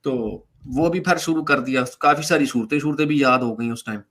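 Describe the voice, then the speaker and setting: A man speaking as a guest, casually recounting his own story and re-enacting the conversations in it. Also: medium pitch. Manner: animated, re-enacts dialogue while recounting events. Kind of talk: casual spoken storytelling in a debate stream.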